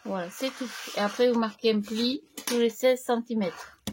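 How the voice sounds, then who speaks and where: A woman hosting a crafting tutorial, chatting casually as she works, slightly hoarse and clearing her throat now and then. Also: a little high, steady tone, darkish tone, slight background noise. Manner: slow, chatty, talks to herself while working.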